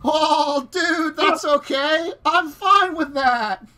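A man voicing a laid-back yacht-owning surfer dude in a tabletop game, with an excited, stretched-out drawl like an extreme kids ad. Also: extremely high pitch, slow pace, pitched above the performer's own voice, heavily acted. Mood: radical, breezy.

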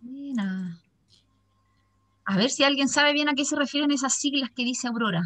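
A woman's voice: high voice, moderate pace. Chatty Chilean woman moderating a call. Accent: Chilean Spanish. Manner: lively, chatty, reads chat comments aloud. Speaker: session moderator. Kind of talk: warm moderating of a video call. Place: small bright office indoors. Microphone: laptop webcam mic on a video call.

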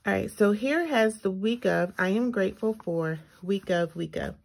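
Speaking at a moderate pace with a medium-pitched, gravelly voice, a woman walks through a planner in a casual, chatty way, thinking aloud and reading items out, her braces slightly impeding her speech. She's a planner reviewer and video host, shown only by her hands in an overhead shot at an indoor tabletop. Noticeable background noise with clicks can be heard.

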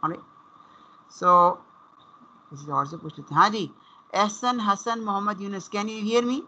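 Teaching an online university class over a computer connection, a man with a Pakistani accent repeats and rephrases points, moving between English and Urdu. He has a high, sharp-toned voice at a moderate pace, heard through dull, compressed call audio.

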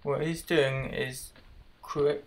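A man's voice: on the high side, steady tone, takes it slowly. A man filming and casually explaining what is happening in a farm yard outdoors. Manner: plain explaining commentary. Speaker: person filming. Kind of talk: casual narration while filming. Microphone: handheld camera.

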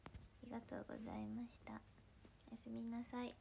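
Brief: young woman streamer, playful and chatty, slightly high voice, soft murmured asides, faint background noise. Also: very animated, fairly quick, gravelly. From Ibaraki, Japan. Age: 20s. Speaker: idol livestream host. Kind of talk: casual livestream chat.

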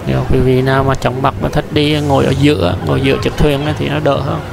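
A man's voice: mid-range voice, level tone, quick pace, creaky, a crowd in the background, noisy background. A man giving casual walking-tour commentary through a large indoor amusement park, chatty, talking straight to his viewers with many fillers and restarts.

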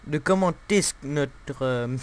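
A young man laughs his way through crude, joking let's-play commentary at home, using many fillers and speaking into a desktop mic. His pitch is medium, and there's a little hiss or hum.

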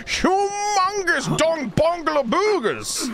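A man putting on a squeaky, frantic voice of a panicked man rambling about what he saw. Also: big pitch swings, slow, exaggerated voice. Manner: shrieking, frantic high voice.

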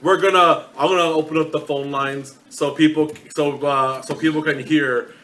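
A man's voice: fairly high pitch, steady tone, normal speed, bright, forceful tone, a little hiss or hum. A man hosting a comic call-in show in a bossy, theatrical announcer manner. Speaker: host.

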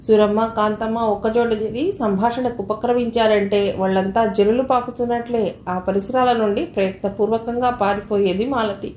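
A woman reading a short story aloud in a steady storytelling manner. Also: on the high side, fairly quick, few pauses, a little hiss or hum. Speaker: audiobook narrator. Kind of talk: scripted story narration. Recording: echoey room, faint ambience.

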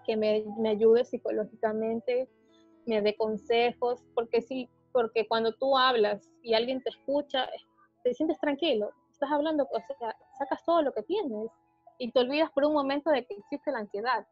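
A woman giving a personal testimony in a conversation, speaking hesitantly with many pauses and restarts. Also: on the high side, no room sound, dull audio, soft background music. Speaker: interviewee describing her panic attacks.

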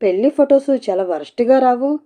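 A woman's voice: fairly high pitch, animated, normal speed, dull audio, pitched above the performer's own voice, natural voice. Woman doing a cheeky, scheming young woman. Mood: teasing. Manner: teasing, brash.

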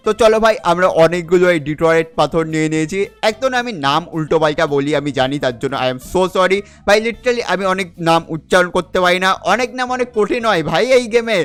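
A young male gaming host talks quickly in a high, smooth, clear voice. He gives chatty commentary on his survival game and keeps addressing the viewer as a friend. He slips English words in and out of his sentences as he plays. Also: fairly bright tone. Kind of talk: casual gameplay commentary.

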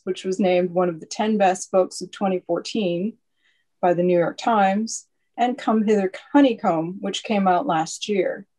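A woman host opens an online poetry event in a friendly manner, with frequent fillers. She speaks at a middle pitch and reads out an introduction for the poet. She comes through a video call. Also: darkish tone, rough recording.

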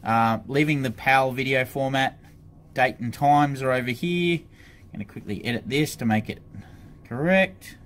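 This is a casual product walkthrough from an Australian man who demos gear for an intercom supplier, explaining each step informally as he works indoors at an office desk. His pitch is medium and his speed normal. Background noise and room ambience come through clearly.

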